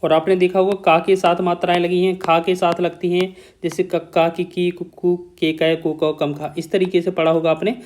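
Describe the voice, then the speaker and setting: A man's voice: sits high, little pitch movement, fairly quick, hardly any pauses, a little mellow. A man teaching an exam-prep grammar lesson, explaining step by step, repeating key terms and often checking in with his students.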